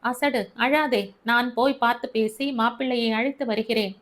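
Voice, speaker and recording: A woman voicing a kindly young male cousin who teases gently, in a storybook reading. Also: very high-pitched, fairly even intonation, moderate pace. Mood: soothing teasing. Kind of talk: storybook narration.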